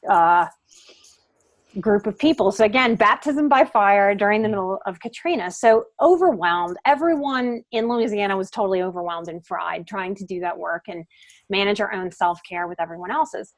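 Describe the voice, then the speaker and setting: A middle-aged woman joins a podcast interview as a guest psychotherapist and life coach, speaking at an ordinary speed in a mid-range voice. She is earnest and leans firmly into her key words.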